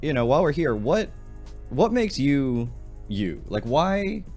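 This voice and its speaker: A man's voice: medium pitch, very animated, measured pace, a little mellow, faint music behind. A young man interviewing a guest, asking enthusiastic, rambling questions in a casual chat.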